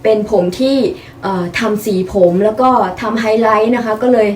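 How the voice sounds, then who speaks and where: A woman's voice: fairly high pitch, fairly even intonation, normal speed, a little hiss or hum. A young woman chatting politely through a casual product review vlog, explaining each piece in turn. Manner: chatty, polite, frequent soft particles.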